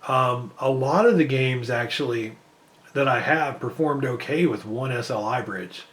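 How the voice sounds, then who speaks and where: A man who makes PC gaming benchmark videos rambles through casual commentary while testing games, even though he's losing his voice. His voice is mid-range and fairly bright, and he speaks at a measured pace, thinking aloud with plenty of fillers.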